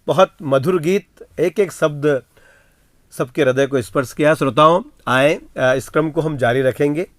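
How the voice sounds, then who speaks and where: A man's voice: a little high, unhurried, no echo. Dry-sounding male radio host. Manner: warmly praising, interjecting "wah" and "hmm". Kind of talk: hosting a radio poetry program.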